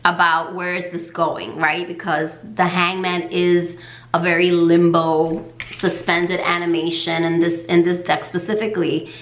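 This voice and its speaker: A woman giving a casual tarot reading, chatty and full of fillers, in a voice she calls her lower fall voice. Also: flat delivery, measured pace, echoey room. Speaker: tarot reader.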